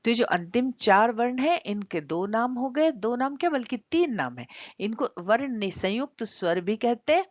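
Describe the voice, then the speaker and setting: A woman's voice: a little high, lively intonation, moderate pace, no room sound. A middle-aged woman teaching Sanskrit grammar in a video lesson, explaining step by step and drawing out vowel sounds to show their length. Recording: dry, slightly dull lo-fi sound.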